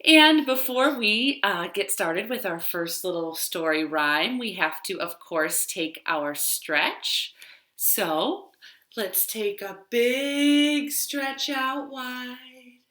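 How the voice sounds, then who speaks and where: With a medium-pitched, expressive and sharp-toned voice, a librarian hosts storytime at a slow pace. Her sing-song style draws out repeated words alongside simple words of encouragement, and the home living room sounds roomy and echoing.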